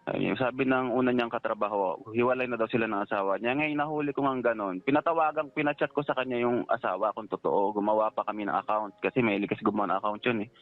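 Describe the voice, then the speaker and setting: A man's voice: on the low side, fairly even intonation. Male caller on a tinny phone line. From Philippines. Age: 30s. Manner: rambling, halting retelling with many fillers. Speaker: caller, security guard. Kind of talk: phone-in advice call.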